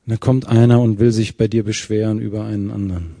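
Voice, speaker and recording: A preacher with a mellow, slightly husky voice, recorded close and dry. He works through a scripture passage verse by verse and keeps turning to the congregation with questions. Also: lowish voice, level tone, fast talker, no echo. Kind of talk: sermon.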